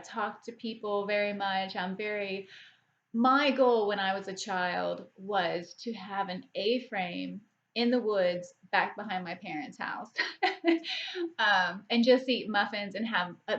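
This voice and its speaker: A woman in her forties talks casually to camera about books, wandering from thought to thought and restarting her sentences. Her voice sits at a middling pitch. The audio is a little dull and lo-fi. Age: 40s. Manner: rambling, chatty, with frequent restarts and fillers. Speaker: book vlogger.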